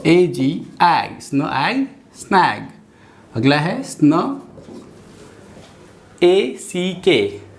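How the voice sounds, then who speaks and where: A man with an Indian accent teaching English phonics in Hindi, sounding out words slowly syllable by syllable and repeating each one. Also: a little high. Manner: slow, syllable-by-syllable drilling. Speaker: English tutor. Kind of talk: phonics lesson, slow repetition.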